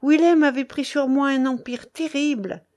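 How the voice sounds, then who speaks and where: A woman's voice: sits high, fairly even intonation, moderate pace, a little mellow, pitched above the performer's own voice, close to an everyday voice. Woman voicing a trembling young woman in a storybook. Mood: anguished. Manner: trembling, urgent pleading. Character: frightened young woman, pleading and guilt-ridden.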